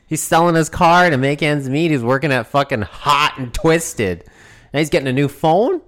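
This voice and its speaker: Profane, animated man. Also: on the high side, a little slow. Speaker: podcast co-host. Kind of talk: casual podcast chat.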